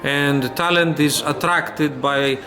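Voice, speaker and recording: A man from Greece interviewing a guest, framing long, deliberate questions. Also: a little high, fairly even intonation.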